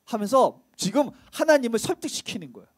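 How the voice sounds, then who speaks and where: A man's voice: extremely high pitch, big pitch swings, fairly quick, breathy edge. A male pastor preaching a sermon in a church, speaking conversationally and quizzing the congregation with rhetorical questions. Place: church sanctuary.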